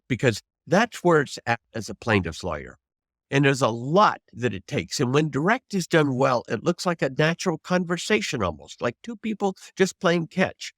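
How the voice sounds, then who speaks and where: A veteran trial lawyer in his seventies offers unscripted advice, emphatic and reflective, restating points for emphasis. His medium-pitched voice is fairly bright, captured in a dry, studio-quality recording.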